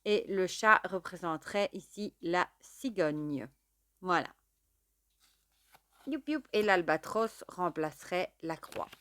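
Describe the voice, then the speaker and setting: A woman, chatting casually while unboxing and showing a card deck, often filling pauses with little stock words. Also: fairly low pitch, lively intonation, fairly bright tone, dry recording. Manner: chatty, fills with "voilà" and "euh". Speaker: tarot and oracle deck reviewer.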